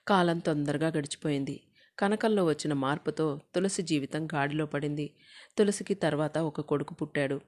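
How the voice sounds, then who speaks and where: A woman narrating a moral family story in a steady, measured reading. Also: deep voice.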